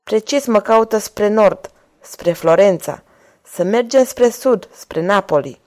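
A woman's voice: medium pitch, lively intonation, darkish tone, close to an everyday voice. A woman reading aloud, voicing a daring young male horseman on the run who talks in defiant exclamations. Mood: scheming. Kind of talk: audiobook character reading.

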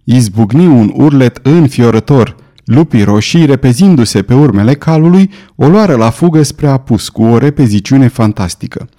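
A man narrating an adventure audiobook in a steady, measured reading. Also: medium pitch. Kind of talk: scripted narration.

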